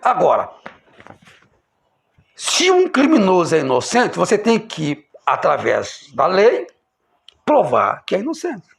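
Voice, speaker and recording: A man preaching an impassioned sermon, emphatic, swinging between loud exclamations and low, quiet lines. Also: huge pitch swings, slow, creaky, pauses often.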